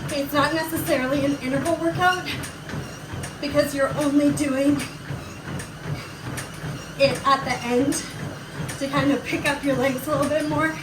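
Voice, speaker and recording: A woman's voice: sits high, fairly even intonation, a little slow, pauses often. A woman coaching casually and encouragingly while running on a treadmill, talking to viewers as she goes. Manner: encouraging, reassuring. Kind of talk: casual workout talk to viewers. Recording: roomy, distant mic with loud machine noise.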